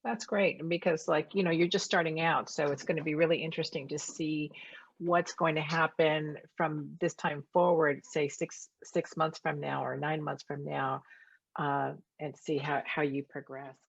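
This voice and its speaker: A woman hosts a video call interview in a deep, gravelly voice with a husky edge. She encourages her guests, backchannels often and restarts her questions mid-sentence. The audio is dull and lo-fi. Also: steady tone, moderate pace, dry recording.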